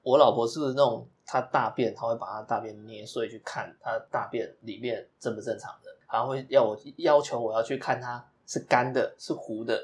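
A man's voice: mid-range voice, fairly even intonation, moderate pace, hardly any pauses. A man, a father and podcast co-host, telling long stories in casual chat and acting out the lines of the people in them. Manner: long storytelling with many quoted lines.

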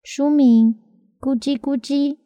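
Mellow, higher-pitched woman reading to a toddler. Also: fairly even intonation, slow, no room sound. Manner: reading to a toddler, simple phrases with questions to the little listeners. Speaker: children's story podcast host. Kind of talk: storytelling for young children. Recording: music behind the voice.

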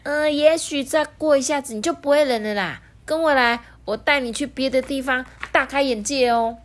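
A woman voicing an eager, cheerful young penguin guide in a read-aloud storybook, with a chirpy, excited voice. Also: high voice, normal speed, a little hiss or hum, voice pushed up, close to an everyday voice.

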